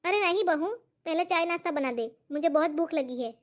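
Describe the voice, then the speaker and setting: A bossy, greedy old mother-in-law, as a woman plays her. She nags without pause, and her voice sits very high. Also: lo-fi sound. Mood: demanding. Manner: nagging, bossy.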